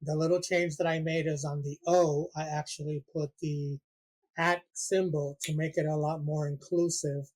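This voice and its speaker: A man from Puerto Rico speaks in an earnest, measured way as a guest, describing the support group he runs. His voice sits a little high. His pitch barely moves. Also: level tone, darkish tone. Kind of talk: interview answers.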